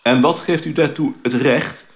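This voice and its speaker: A man's voice: medium pitch, steady tone, moderate pace, reverberant, natural voice. A man voicing an indignant, vain male office clerk in a radio play. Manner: indignant and loud.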